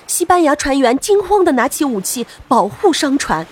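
Animated, high-pitched woman telling children's stories. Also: normal speed, slight background noise. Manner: animated, addresses young listeners directly, with playful exclamations. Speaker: children's storyteller and host. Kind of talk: expressive scripted narration for children.

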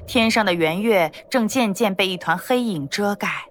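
A woman narrating a novel as an audiobook in an expressive storytelling manner. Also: medium pitch, normal speed, slight background noise. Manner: expressive storytelling, lively intonation.

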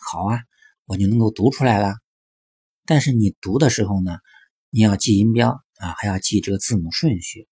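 Man, low gravelly voice, dry close sound, chatty teacher monologue full of filler particles. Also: dark tone, no echo. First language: Chinese. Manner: chatty, frequent filler particles and rhetorical questions. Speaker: English teaching commentator. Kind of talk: explanatory monologue.

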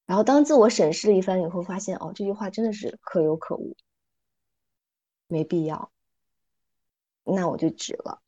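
Mellow-voiced woman, calm reflective chat. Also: medium pitch, moderate pace, long pauses, highs cut off. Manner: calm, thoughtful, retells stories with light acting. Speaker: podcast guest. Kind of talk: reflective casual chat with storytelling.

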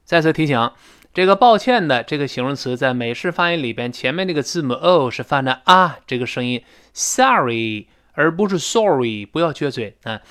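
A man's voice: a little high, animated, brisk, fairly bright tone. A man teaching English pronunciation in a recorded audio lesson. He explains intonation and demonstrates the sounds as he goes.

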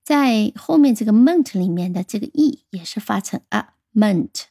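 Woman teaching vocabulary, dark dry voice. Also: medium pitch, lively intonation, slightly rough, dry recording. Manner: spells out words letter by letter, slow careful pronunciation. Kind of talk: radio vocabulary lesson.

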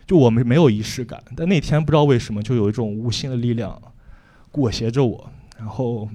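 A man's voice: mid-range voice, darkish tone. A young man from Shanxi doing a frank, rambling, self-mocking stand-up set with lots of fillers. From Shanxi, China. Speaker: stand-up comedian.

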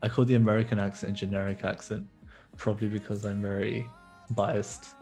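A man's voice: fairly low pitch, flat delivery, fairly quick, a little mellow, faint music behind. A man in casual podcast chat, talkative and full of "like", laughing easily. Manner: chatty, fills speech with "like", laughs easily.

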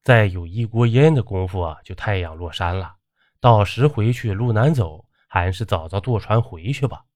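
A timid young ferryman pleads anxiously, as a male narrator takes on his part. The voice stays low but moves expressively. It is dry and close to the mic. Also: expressive, moderate pace, darkish tone, no echo, close to an everyday voice. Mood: cautious.

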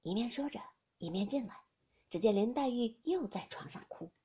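A woman narrates a classic novel in a husky, breathy voice. Her pitch moves a lot, and she is fairly high for a woman. She often sinks to a near whisper. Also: lively intonation, moderate pace, mellow. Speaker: audiobook reader.

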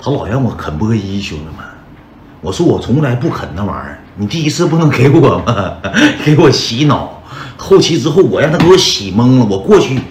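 A man with a mid-range, very animated voice and a Northeastern Mandarin accent tells his own story fairly quickly on a livestream. Chatty throughout, he keeps calling viewers brothers; there's a slight hiss or hum, roomy echo, and loud background music.

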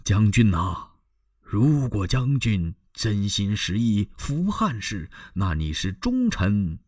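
A man voicing a cautious, scheming elderly court minister in a traditional storytelling performance, speaking slowly and persuasively in a hushed tone. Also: lowish voice, dry recording, clean studio sound, full character voice.

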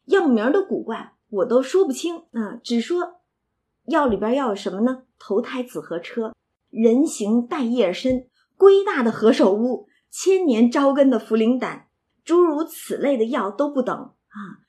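A woman's voice: on the high side, very animated, unhurried, dark tone. A woman voicing a boastful teenage fibber. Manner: teasing, boastful. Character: playful teenage boy who loves to fib.

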